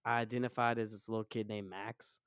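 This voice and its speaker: A man with a deep, low, masculine voice and a laid-back stoner drawl, talking candidly as an interview guest. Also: flat delivery, fairly quick, a bit bright, smooth, no room sound, clean studio sound. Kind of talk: candid personal conversation.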